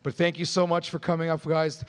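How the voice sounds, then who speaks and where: A man leading a dance group, announcing songs on a festival stage in an earnest, explanatory way with pauses between phrases. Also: on the high side, little pitch movement, clean tone, in a large hall. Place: outdoor or large festival stage.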